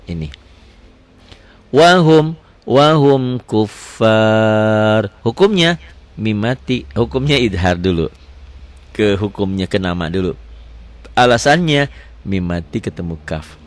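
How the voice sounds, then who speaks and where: Lowish man teaching Quran recitation. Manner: asks and answers his own questions; slow drawn-out recitation of verse examples. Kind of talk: tajwid lesson.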